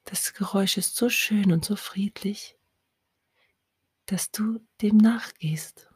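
A woman whispers a guided hypnosis at a very unhurried, drawn-out pace, her low, breathy voice close to the mic. The recording is dry, with no room sound around her. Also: a little mellow, dry recording. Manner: slow soothing whisper.

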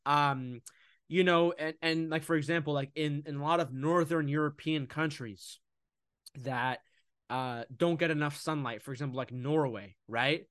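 A young man talking casually about food and nutrition in a podcast conversation, animated, often slipping into mocking voices. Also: fairly high pitch, moderate pace, clean tone, dry recording, clean studio sound. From United States.

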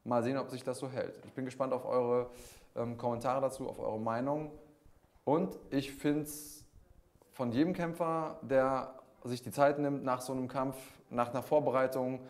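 A man with a medium-pitched voice hosts a combat sports interview on a live stream. He is conversational and wordy, encouraging his guest through long, winding questions. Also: steady tone, normal speed, a little mellow.

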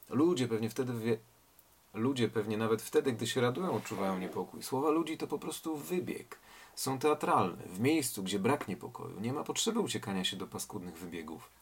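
A man's voice: lowish voice, husky. A man reading a tale aloud and commenting on it reflectively, asking rhetorical questions. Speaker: reader and literary commentator.

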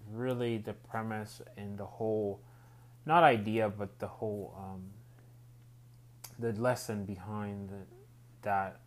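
A low-pitched male podcast host whose first language is Spanish delivers a rambling solo reflective monologue. He restarts phrases often.

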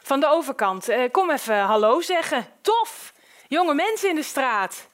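Woman doing a big, jovial, pushy male neighbor for an audiobook: high, loud, overfamiliar. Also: very animated, unhurried. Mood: hearty. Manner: boisterous, overfamiliar, hearty.

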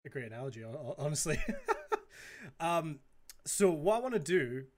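A man's voice: a little high, very animated, normal speed. A man casually hosting a panel in natural unscripted talk, passing questions around. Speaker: panel host.

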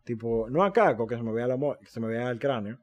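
A young man with a Dominican Spanish accent tells stories in a loose, slangy way on a casual podcast. His pitch jumps up and down as he gets worked up, and he swears freely. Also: fairly quick, highs cut off. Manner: animated, slangy storytelling with swearing. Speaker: podcast co-host. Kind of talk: casual chat.

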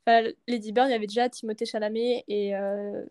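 A woman's voice: mid-range voice, flat delivery, fast talker, a little mellow, clean tone. A young woman speaking French as her own language, chatting casually as a podcast host, rambling and hesitant with many fillers and laughs. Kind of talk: casual chat.

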